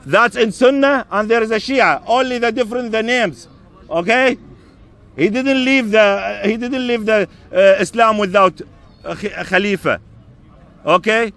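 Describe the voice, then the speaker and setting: A man's voice: high voice, a little slow, fairly bright tone. A man with an Iraqi accent, a native Arabic speaker, arguing insistently in broken English at an outdoor debate. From Iraq. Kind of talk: street debate. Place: outdoors at a public park.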